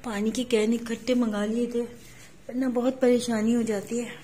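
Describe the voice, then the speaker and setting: Hoarse woman, home vlog, high voice, flat, mellow tone. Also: normal speed, slight background noise. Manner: talks softly, near a whisper, while the baby sleeps; calls out to her children at home. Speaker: vlogger.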